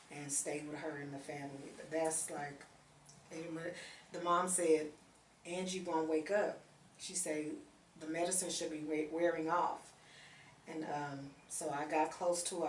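Low-voiced woman guest, echoey and distant. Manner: earnest, emotional when telling stories. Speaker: guest, charity organizer. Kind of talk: casual interview chat. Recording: echoey room, voice off-mic, faint noise.

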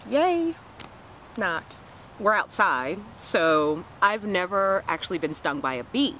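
A woman's voice: fairly low pitch, slight background noise, rough recording. A woman in her forties from the Washington, D.C. area, chatting playfully to camera outdoors and laughing often. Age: 40s. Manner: playful, laughs often, lively self-mocking asides. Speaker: vlogger. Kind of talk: casual chat to camera. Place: outdoors on a lawn by trees. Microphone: camera mic at close range.

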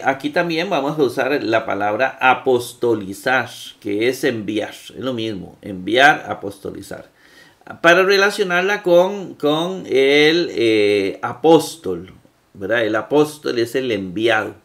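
Slow gravelly guy explaining grammar, lots of "eh" and "verdad". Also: mid-range voice, fairly bright tone. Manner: slow, patient, with many fillers and checks. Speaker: Greek grammar teacher. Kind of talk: classroom lecture.

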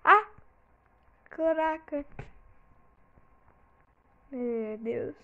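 A woman's voice: sits high, extremely slow, phone-quality sound. A woman with a Brazilian Portuguese accent giving casual gameplay commentary, full of exclamations and frustrated outbursts. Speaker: gamer.

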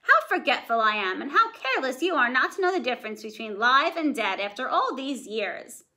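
A woman's voice: sits high, sing-song, normal speed, pushed and bright, exaggerated voice. A woman voicing a giant ogre's wife, bossy and scolding toward her husband. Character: big tall ogre's wife, sharp-tongued and scolding.

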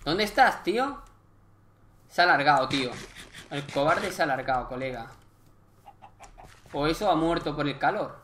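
A young man with a Spain Spanish accent doing live gameplay commentary, chatty and excitable, swearing and joking in slang. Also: fairly high pitch, moderate pace, pauses often, slight background noise. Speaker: gaming YouTuber.

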